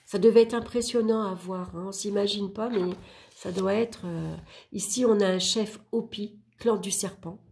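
Halting French-speaking woman, mellow tone. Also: mid-range voice, fairly even intonation, creaky. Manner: hesitant, halting with frequent fillers and self-corrections; chatty, addresses viewers directly. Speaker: card deck reviewer. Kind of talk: casual video review of an oracle deck.

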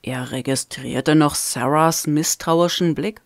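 A woman reading a novel aloud as a fan-made audiobook, in an even storytelling manner. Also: sits low, slow, creaky, dry recording, studio quality. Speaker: audiobook reader.

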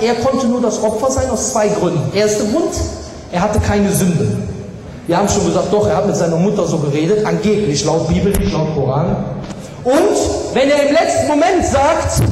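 A man's voice: extremely high pitch, darkish tone, slight background noise. A man preaching an emphatic lecture, firing off rhetorical questions and mocking his opponents' answers. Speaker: Islamic preacher. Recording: very echoey hall.

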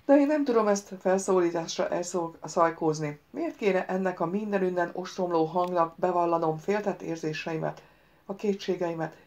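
A woman's voice: on the low side, darkish tone, natural voice. A woman voicing a proud young prince who answers back defiantly and sarcastically.

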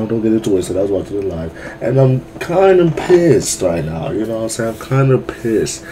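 A young YouTuber reacts to a game late at night, chatting casually while tired, using slang, repeating himself, and tripping over his words. His voice is on the low side with a dark tone, and the rough recording carries a little hiss or hum.

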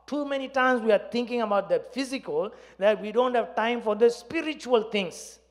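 A man's voice: very high voice, normal speed. A man with a South Indian accent and Tamil as his first language, preaching a conversational sermon as a pastor in short, broken phrases into a handheld microphone. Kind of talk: conversational sermon with personal anecdotes. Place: church stage.

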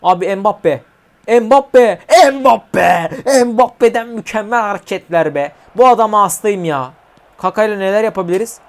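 A young man commentating his own mobile football match for viewers, chatty and slangy, often swearing and shouting at the game. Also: sits high, moderate pace. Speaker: gaming YouTuber.

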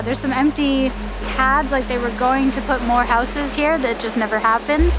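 A woman's voice: sits high, background noise. A young woman exploring abandoned seaside houses and pointing things out to the camera, partly in voice-over narration. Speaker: travel vlogger. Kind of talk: casual travel vlog with voice-over narration. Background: music.

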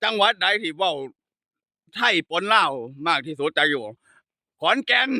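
A man's voice: high-pitched, expressive, normal speed, sharp tone, no echo, studio quality. A man who is a Buddhist monk, speaking with a Northeastern Thai Isan accent, chatting and joking playfully while walking outdoors up a hill path. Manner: playful, laughs often, teasing storytelling. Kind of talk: casual joking chat.

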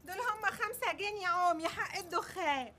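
A woman's voice: extremely high pitch, brisk, bright, forceful tone. An actress with an Egyptian accent playing a timid, frightened young woman who pleads through tears. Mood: tearful. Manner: tearful, pleading.

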